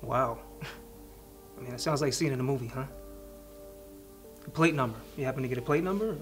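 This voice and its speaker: A man's voice: medium pitch, fairly quick, close to an everyday voice. Tough cop played by a man, music behind. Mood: sceptical pressing. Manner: tough cop, probing, sarcastic, blunt. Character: tough, sardonic male police detective interrogating a witness. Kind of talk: naturalistic screen acting, interrogation scene.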